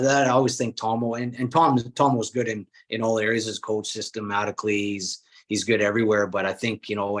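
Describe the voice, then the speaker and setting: A man, a former hockey player and coach, chatting casually on a podcast and telling stories with relaxed restarts. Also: lowish voice. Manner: relaxed storytelling with frequent restarts.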